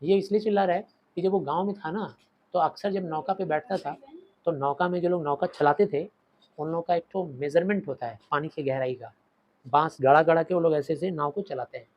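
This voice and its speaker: A man teaching a short story in Hindi, reading English lines with an Indian accent and acting out quoted lines before dropping to quiet asides. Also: on the high side, fairly quick, highs cut off. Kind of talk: explaining a story in Hindi lecture.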